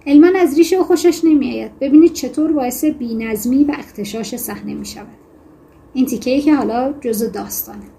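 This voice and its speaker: A woman teaching a lesson on fiction writing, explaining in a conversational way with self-corrections and reading passages aloud in a measured voice. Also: sits high, warm tone, slight background noise. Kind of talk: lecture on fiction writing with read-aloud excerpts.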